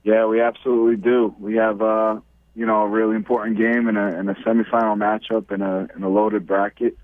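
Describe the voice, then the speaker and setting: A football coach, a man, answering questions over the phone in a low-key, halting way with many fillers. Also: flat delivery, no echo. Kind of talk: phone interview. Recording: tinny dry phone line.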